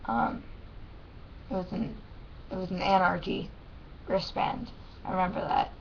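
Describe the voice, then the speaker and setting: A woman's voice: lowish voice, fairly even intonation, unhurried, gravelly. Lisping young woman, thick swollen-tongue speech. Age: young adult. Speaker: vlogger. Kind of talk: casual personal vlog. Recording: dull lo-fi sound with faint noise.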